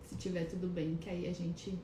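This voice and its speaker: In a warm but flat voice on the low side, a woman at a moderate pace runs a casual wellness live stream indoors at her clinic. She greets viewers by name, keeps restarting her sentences, and says she feels shy and nervous. Faint background noise sits under the room's echo.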